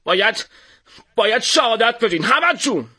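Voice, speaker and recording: Man voicing a blustering, shouting shopkeeper. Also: very high voice, sing-song, pitched above the performer's own voice, heavily acted. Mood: shaken, vengeful. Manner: shouting, stammering, threatening. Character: hot-tempered middle-aged male shopkeeper, blustering bully. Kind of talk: audiobook character voice.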